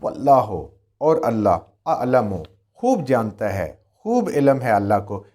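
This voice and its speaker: A man's voice: mid-range voice, sing-song, a little mellow. A man teaching a Quran commentary lesson, reciting Arabic verses and then explaining them, repeating and rephrasing his points.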